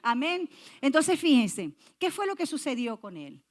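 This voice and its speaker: A woman's voice: high-pitched, big pitch swings, a little slow. A woman pastor preaching a sermon, emphatic, repeating key phrases and speaking straight to the congregation. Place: church.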